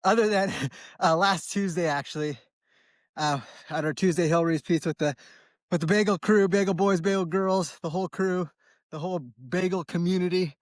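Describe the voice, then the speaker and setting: An American man in his early forties vlogs while running outdoors on a trail, chatting in a laid-back, slangy, rambling way. His voice is high-pitched and steady at a moderate pace, recorded dry with studio quality.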